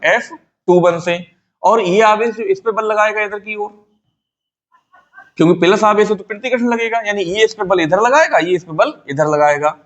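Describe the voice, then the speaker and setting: A high-pitched man teaches physics, asking his students each question and then supplying the answer himself. He repeats key terms again and again and calls his students "beta". The recording sounds dull and lo-fi. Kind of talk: classroom lecture at a whiteboard.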